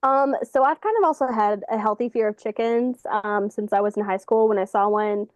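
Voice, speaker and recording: A woman author talks casually as a guest, her voice mellow and warm at a middle pitch. She chats loosely and fills pauses with "um" and "like". The sound is dry and close, over a video call. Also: no echo. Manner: relaxed, chatty, many fillers like "um" and "like". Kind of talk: casual interview chat.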